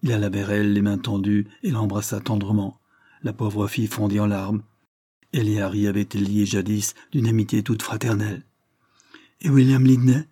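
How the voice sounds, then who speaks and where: A male audiobook narrator reading in a steady, even way. His voice is mellow and slightly husky. It is close-miked and completely dry, with no room around it. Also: on the low side, brisk, dry recording. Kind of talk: scripted narration.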